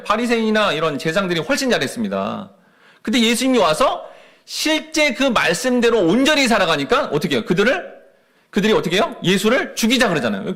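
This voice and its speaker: Man preaching to his church, fairly high and very lively delivery, keeps asking the room questions. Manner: rhetorical questions to the congregation; animated, rising and falling emphasis. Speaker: pastor. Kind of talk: sermon.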